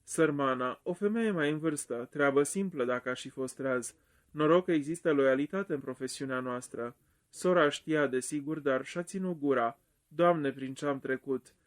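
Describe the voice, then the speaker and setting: A cool, self-possessed doctor, as an audiobook reader puts him on, talking his way around things. The voice sits slightly high. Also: close to an everyday voice. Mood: guilty. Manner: composed, evasive. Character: smooth middle-aged male doctor, self-possessed.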